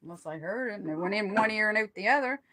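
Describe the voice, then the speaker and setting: A middle-aged or older woman chatting casually on a live stream, rambling and halting as she trails off mid-thought. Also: medium pitch, animated, sharp tone.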